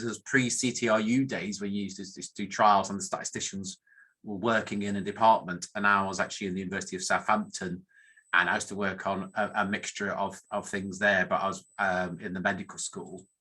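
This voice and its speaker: His voice is on the low side, bright and forceful. A middle-aged man from northern England with the accent to match, he's an academic statistician giving an informal career presentation, meandering and self-deprecating, with many restarted sentences.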